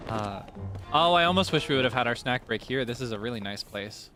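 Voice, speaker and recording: A man's voice: medium pitch, expressive, brisk, pushed and bright. Chatty male game streamer with music behind. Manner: chatty, playful, talking to viewers. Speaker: livestreamer, VTuber. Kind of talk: casual gaming livestream chat.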